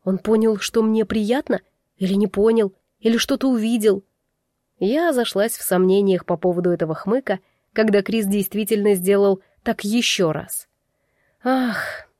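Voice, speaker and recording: A woman narrating a first-person audiobook in an expressive, intimate way. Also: medium pitch, moderate pace, no echo, studio quality. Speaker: audiobook reader.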